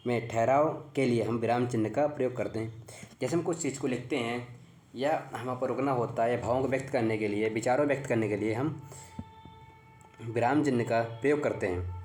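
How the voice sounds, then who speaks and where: A man teaching grammar for exam preparation in an echoey room. He quizzes the viewer by repeating his own points as questions. His voice sits at a middling pitch, and his delivery is halting and full of restarts. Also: a little mellow. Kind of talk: exam-prep grammar lesson.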